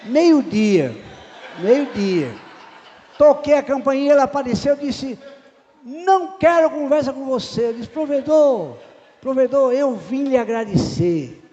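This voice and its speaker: Older pastor telling a story. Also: male voice, very high voice, unhurried. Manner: animated storyteller acting out dialogue. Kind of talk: sermon with personal storytelling. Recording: muffled reverberant church sound.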